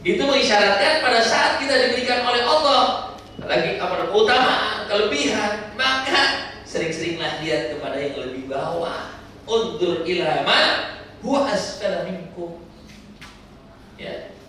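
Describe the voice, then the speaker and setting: A man delivers a lively sermon to a pilgrim group and keeps throwing questions at his listeners. His voice is bright and a little high. He is recorded from some distance in a hall with heavy echo, with faint background ambience. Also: normal speed, a little hiss or hum. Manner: lively preaching with rhetorical questions. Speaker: umrah pilgrimage instructor.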